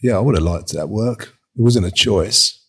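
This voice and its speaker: A man's voice: lowish voice, moderate pace, fairly bright tone, slightly rough. A man, a designer, chatting in an interview in a rambling, self-mocking way and laughing often. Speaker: furniture designer, guest. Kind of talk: casual interview chat.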